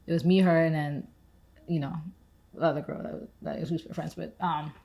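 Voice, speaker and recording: A woman's voice: sits low, fairly even intonation, normal speed, vocal fry, dark tone. A young woman co-hosting a podcast, talking in a casual, rambling way with lots of "like" fillers. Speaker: podcast co-host. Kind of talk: casual conversational chat.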